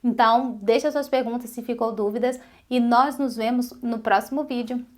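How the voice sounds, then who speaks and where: Woman teaching French, slightly high voice. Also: fairly even intonation. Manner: slow, carefully repeated French examples between casual Portuguese explanations. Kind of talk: online language lesson.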